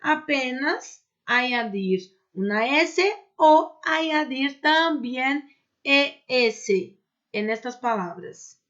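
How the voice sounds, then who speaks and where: A Brazilian woman teaching a Spanish class, who stretches out example words and keeps checking in with quick tag questions. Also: sits high, lively intonation, a bit bright. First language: Portuguese. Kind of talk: recorded online class. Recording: dull lo-fi sound.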